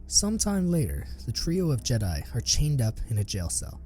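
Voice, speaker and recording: A man giving scripted narration of a sci-fi story in an even storytelling manner. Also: medium pitch, normal speed, slight background noise.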